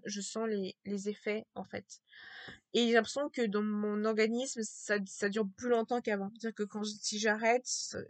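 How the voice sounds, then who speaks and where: A woman talking to camera in a casual vlog with a low, strained voice, hesitant and repetitive, full of fillers and restarts. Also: no echo. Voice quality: low, gravelly voice.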